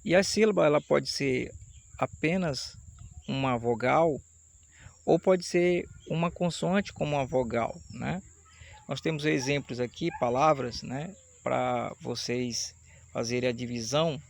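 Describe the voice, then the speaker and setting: A man teaching an online Portuguese grammar lesson, explaining step by step and slowing down to sound out syllables. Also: medium pitch, gravelly. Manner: explanatory, slows down to spell out syllables. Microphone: camera mic, camera switched off.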